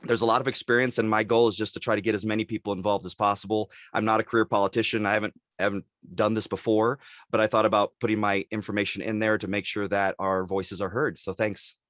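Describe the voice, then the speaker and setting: A man from Los Angeles giving a measured, earnest statement as a city council candidate. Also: fairly low pitch, little pitch movement, fairly bright tone, no echo, studio quality. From Los Angeles, California.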